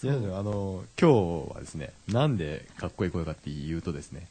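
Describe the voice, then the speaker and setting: Male co-host, very low and dark, deliberately forced cool voice, husky. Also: sing-song. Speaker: podcast co-host. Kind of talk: casual chat.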